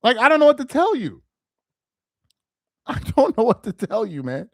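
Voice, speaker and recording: With an extremely high-pitched voice at a measured pace, a young man of Nigerian heritage hosts a casual livestream. He reads viewer comments aloud and talks directly to his chat, animated, laughing and exasperated. The clean studio sound has no room ambience.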